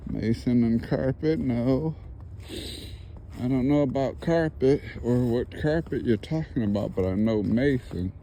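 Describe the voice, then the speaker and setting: A paranormal investigator speaks casually outdoors near woods, asking spirits questions and talking to the camera, echoing each answer back as a question. He has a mid-range, dark-toned voice at a measured pace, with slight background noise.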